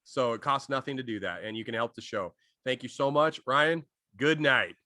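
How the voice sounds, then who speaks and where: A man's voice: mid-range voice, normal speed, bright, forceful tone, no room sound, studio quality. A man co-hosting a comedy podcast, rambling through jokes in casual chat. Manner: rambling, jokey riffing. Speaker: podcast co-host.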